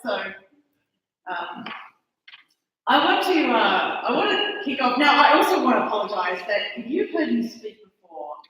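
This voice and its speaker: In a sing-song, fairly high and fairly bright voice at a moderate pace, this conference speaker from Australia talks with an Australian accent. She's chatty and self-deprecating, stopping and starting over, and the mic sits far away in an echoey hall.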